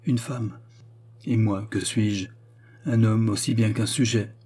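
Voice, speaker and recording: Audiobook: man as jealous young noble, low, dark, husky, intense. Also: fairly even intonation, slow pace. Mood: brooding. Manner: intense, accusing, barely restrained. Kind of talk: audiobook character reading.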